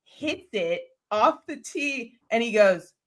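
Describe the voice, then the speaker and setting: A woman's voice: on the high side, animated, takes it slowly, fairly bright tone. A woman hosting a casual sports podcast, telling a rambling story with lots of fillers. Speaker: podcast host.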